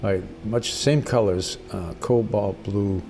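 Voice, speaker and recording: Gentle, low-voiced older man teaching painting. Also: noisy background. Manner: gentle, encouraging, unhurried instruction. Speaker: watercolor painting instructor. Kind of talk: casual spoken painting tutorial.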